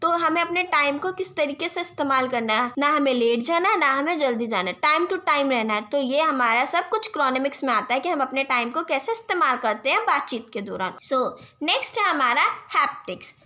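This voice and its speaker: A young woman teacher with an Indian accent, reading English definitions slowly and explaining them in Hindi, asking herself quiz questions and answering them. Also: sits high, lively intonation, sharp tone. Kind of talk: exam-prep lecture.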